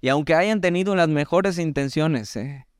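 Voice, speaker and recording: A man from Veracruz, Mexico, preaches a relaxed, conversational sermon in Mexican Spanish, his voice smooth, resonant and mid-pitched. He teaches from the Bible with animated asides and reads scripture slowly. The recording is close and dry, with no room sound.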